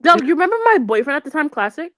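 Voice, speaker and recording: A young woman with a high, lively voice that swoops all over as she tells gossip to her friends. Her delivery is animated and loose, thick with slang and quick asides. The sound is close and dry, with no room around it. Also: no echo. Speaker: storyteller among friends. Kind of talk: casual chat.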